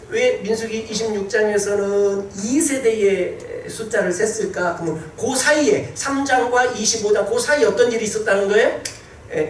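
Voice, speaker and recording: A man preaching a sermon as pastor, in a conversational style with frequent filler sounds and restarts, his pitch climbing sharply when he stresses a point. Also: slight background noise. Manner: pitch rises sharply for emphasis. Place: church sanctuary. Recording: roomy church sound from a distant mic.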